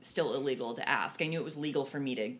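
A woman's voice: a bass voice, quick pace. A woman co-hosting a casual talk show, chatty and given to sarcastic asides. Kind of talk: casual chat.

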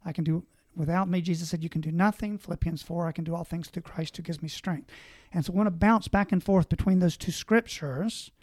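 Earnest priest giving advice. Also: male voice, a little high, steady tone, fairly quick, few pauses, a little mellow, no room sound, clean studio sound. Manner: earnest, exhortative, lists points. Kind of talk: conversational advice on a panel.

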